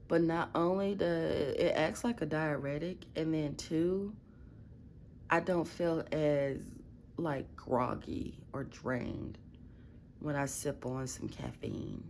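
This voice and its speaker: A woman's voice: deep voice, slow pace, darkish tone, a little hiss or hum. A woman vlogging casually from her bedroom at night, talking bluntly and profanely in a groggy just-woke-up voice, with a Midwestern American accent. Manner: blunt, profane, rambling storytelling. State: groggy morning voice. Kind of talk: casual late-night vlog.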